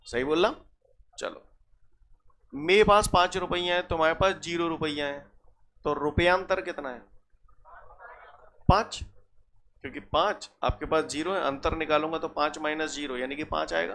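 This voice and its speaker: A man's voice: on the high side, vocal fry, a bit bright, slight background noise. A man teaching a physics class, often checking his students as he works through problems. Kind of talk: classroom lecture.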